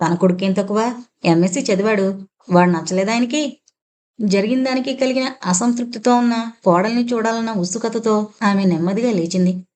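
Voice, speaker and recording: A woman narrating a family novel as an audiobook reader, in steady scripted narration. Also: medium pitch, moderate pace. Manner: steady storytelling.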